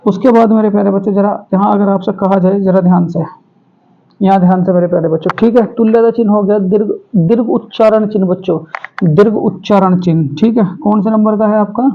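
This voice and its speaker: High gravelly male Hindi teacher. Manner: calls students "my dear children", repeats answers as questions. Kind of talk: online exam-prep class. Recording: tinny phone-like audio.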